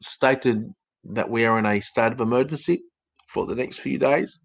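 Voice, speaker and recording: Here the same kind of speaker, a middle-aged counsellor born in the UK and raised in Australia, chats loosely on his home podcast in an Australian accent touched by English traces, filling the casual live-stream talk with fillers and restarts. His medium-pitched voice moves at a moderate pace and sounds creaky and slightly rough. The highs in the recording are cut off.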